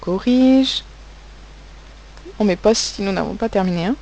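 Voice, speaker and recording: A woman's voice: medium pitch, fairly even intonation, quick pace, vocal fry, darkish tone. A woman teaching young children spelling and handwriting, speaking patiently and spelling out letters and sounds, with a French accent.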